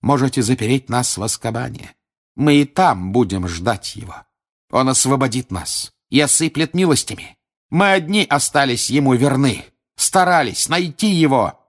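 A man's voice: medium pitch, lively intonation, moderate pace, voice pushed up. A man voicing a fanatical, defiant female prisoner in an audiobook, proclaiming. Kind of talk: audiobook character voice.

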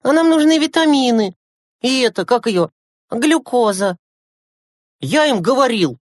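A woman reading a storybook and voicing young schoolboys, whiny and excitable. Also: fairly high pitch, measured pace, dry recording, studio quality, pitched above the performer's own voice. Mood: sulky. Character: young schoolboy brothers, eager and sulky.

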